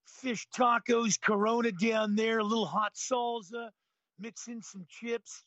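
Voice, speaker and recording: A man's voice: extremely high pitch, fairly even intonation, measured pace, a bit bright, no echo, highs cut off. A man in his late fifties, co-hosting a casual sports talk show in a laid-back, chuckling way. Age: 50s. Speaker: co-host.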